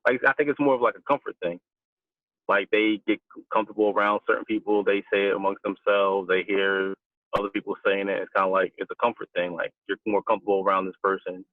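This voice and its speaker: A man with a very deep voice, chatting casually on a podcast. He rambles and fills nearly every phrase with "like". The sound is dry and thin, as if it came over a phone line. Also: flat delivery, fast, dry recording. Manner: rambling, packed with "like". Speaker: podcast co-host. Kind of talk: casual chat.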